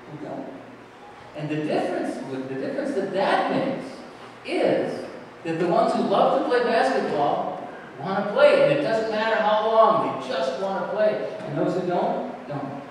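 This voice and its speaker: A middle-aged man, a pastor, giving a children's sermon with gentle questions to children seated around him. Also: fairly high pitch, slight background noise. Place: large church sanctuary, indoors. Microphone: distant camera. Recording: echoey church hall from far off.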